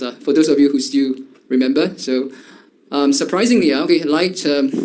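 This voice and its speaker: A man's voice: on the high side, creaky, darkish tone. A male lecturer giving a university lecture, talking in a loose way full of fillers and repeated "right?" checks.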